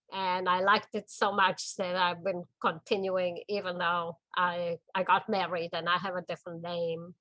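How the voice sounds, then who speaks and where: In her home studio, an older artist from the Czech Republic discusses her work for a documentary in a gentle, reflective way with small pauses and a Czech accent. Her mid-range voice carries no room sound, though the recording quality is low.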